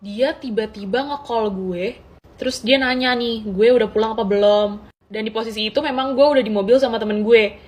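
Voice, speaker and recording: Animated young woman, slightly high voice. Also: brisk. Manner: animated, slangy, dramatic retelling. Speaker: podcast storyteller. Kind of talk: casual storytelling chat.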